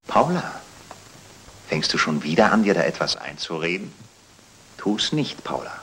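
An actor playing a controlling husband in a 1940s film dub, coaxing and insistent. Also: male voice, deep voice, big pitch swings, unhurried, a bit bright, a little hiss or hum, heavily acted, poor audio. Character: controlling smooth-talking husband, middle-aged man.

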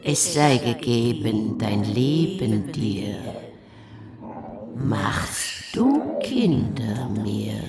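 A woman's voice: extremely low pitch, expressive, very slow, vocal fry, over a noisy crowd, full character voice. A woman playing a cruel old witch who eats children, taunting in sing-song rhymes and sinking into whispers. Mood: commanding. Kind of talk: radio play acting.

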